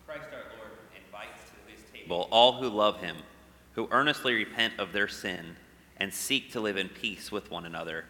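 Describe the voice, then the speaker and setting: A man leading a call-and-response prayer of confession in a slow, solemn way, his voice carried by a cathedral-like echo. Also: on the low side, pushed and bright. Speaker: worship leader. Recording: long reverberant hall echo.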